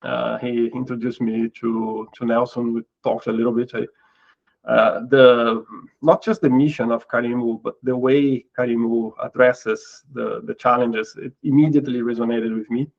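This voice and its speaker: A middle-aged man from Brazil speaks with a Portuguese accent and a gravelly voice, pausing and repeating words as he gathers his thoughts. His audio sounds a little dull and lo-fi, like a remote call. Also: medium pitch, little pitch movement, a little mellow. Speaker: guest. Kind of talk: casual interview talk.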